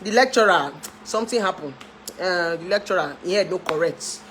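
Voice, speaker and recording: A woman's voice: fairly low pitch, moderate pace, background noise. Chatty Nigerian woman in her thirties. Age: 30s. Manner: chatty, laughs often, dips into pidgin. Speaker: relationship therapist. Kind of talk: casual chat to camera.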